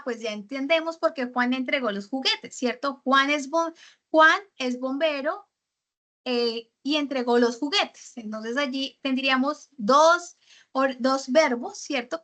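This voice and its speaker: Bright high-voiced woman teaching grammar. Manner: explains grammar with example sentences, frequent fillers and checks like "¿cierto?". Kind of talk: online writing workshop lesson.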